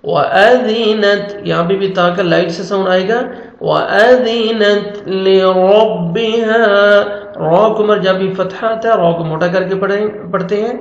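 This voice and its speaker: High-voiced man teaching Quran recitation. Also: fairly even intonation. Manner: slow melodic chanting of verses between quick explanations. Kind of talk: tajweed lesson, spelling out and chanting verses. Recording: echoey, dull lo-fi room sound.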